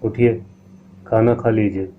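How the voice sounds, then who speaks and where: A man's voice: lowish voice, steady tone, slow pace. A man voicing a fawning, sly female maid who coaxes and wheedles. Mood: coaxing. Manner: coaxing and wheedling. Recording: tinny lo-fi line with faint hiss.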